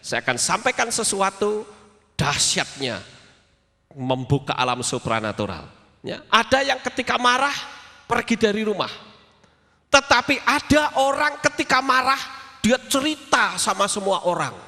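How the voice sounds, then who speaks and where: A man preaching a sermon as pastor, telling stories in an animated way and acting out voices and sounds. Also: high-pitched, unhurried, big-room sound.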